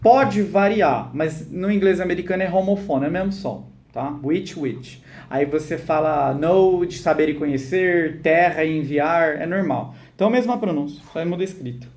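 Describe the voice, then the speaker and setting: A man's voice: fairly high pitch, moderate pace, hardly any pauses, a little mellow. A man teaching English in a live online class, patiently explaining and acting out short example dialogues.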